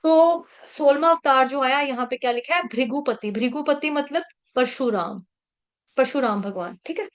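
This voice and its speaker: A woman with a high, light voice leads an online scripture class. She takes the verses apart syllable by syllable, correcting pronunciation patiently. Then she chants each line slowly for the group to repeat.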